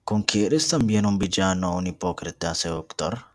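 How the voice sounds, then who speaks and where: A man's voice: low voice, moderate pace, no echo. A young man reading aloud as an outraged female housekeeper who exclaims in indignation. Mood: indignant. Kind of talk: amateur reading of a novel.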